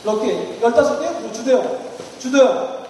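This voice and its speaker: A man's voice: very high voice, normal speed, background noise. A man giving an interactive church seminar lecture, questioning the audience and acting out anecdotes. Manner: questions the audience and calls on people by title; tells anecdotes, acting out quoted lines. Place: large echoing hall with an audience. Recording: echoey hall, voice from far off.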